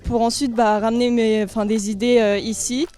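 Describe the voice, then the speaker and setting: Young woman, slightly high, casual. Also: level tone, normal speed, warm tone. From France. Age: 20s. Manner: casual, hesitant. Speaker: agriculture student. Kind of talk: casual testimonial.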